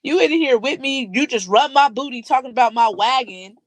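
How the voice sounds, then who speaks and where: A woman's voice: high-pitched, a little fast, dry recording. A young woman, co-hosting a podcast and telling a story in casual chat, acting out the other people's lines. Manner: animated, acts out dialogue in story. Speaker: podcast co-host.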